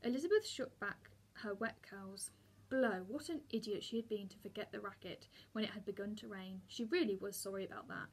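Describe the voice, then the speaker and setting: A woman, a teacher, reading a children's book aloud with steady narration and small slips. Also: mid-range voice, fairly quick, breathy edge.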